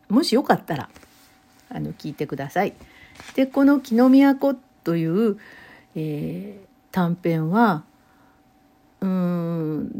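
A middle-aged woman with a Kansai accent, chatting gently and then reading a short story aloud slowly. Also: lowish voice. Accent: Kansai Japanese. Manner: gentle, chatty, many fillers; slows down to read. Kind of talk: casual chat, then unhurried literary reading aloud.

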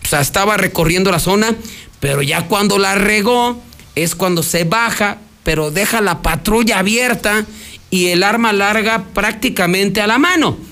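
High-voiced Mexican man recounting the news. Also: normal speed, bright, forceful tone. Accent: Mexican Spanish. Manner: rambling, frequent restarts, acts out quotes. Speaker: news radio host. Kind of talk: conversational news commentary.

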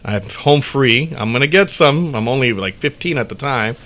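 A man's voice: medium pitch, normal speed. A man hosting a podcast, telling a rambling story in casual chat and acting out the dialogue. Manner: rambling, animated storyteller who acts out dialogue. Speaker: podcast host.

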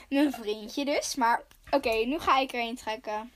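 A woman's voice: fairly high pitch, a little hiss or hum. A young teenage girl hosting a podcast in a casual, chatty way. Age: child or young teen. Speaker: podcast host.

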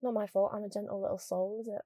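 A woman's voice: medium pitch, flat delivery, fast talker, mellow, dry recording, studio quality. A young woman from Scunthorpe with a northern English accent, chatting casually to camera in a jokey, self-deprecating way. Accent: northern English, Lincolnshire. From Scunthorpe, northern England.

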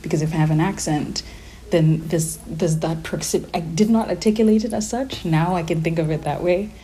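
Low, mellow American-accented woman with slight Kenyan trace. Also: moderate pace. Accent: American-sounding with a slight Kenyan trace. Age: 30s. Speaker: interviewee. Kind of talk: reflective casual interview talk.

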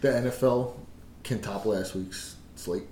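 A man's voice: fairly low pitch, a little slow. A young man co-hosting a podcast, joking around in slangy sports banter. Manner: joking, laughs a lot, slangy. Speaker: podcast co-host. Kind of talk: casual sports chat. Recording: echoey room, loud background noise.

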